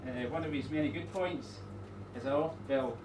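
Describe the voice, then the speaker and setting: A man's voice: on the high side, normal speed. Middle-aged man's rambling speech, distant and echoey. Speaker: father of the bride giving a wedding speech. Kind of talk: informal wedding toast speech. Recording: echoey room, distant mic, noisy background.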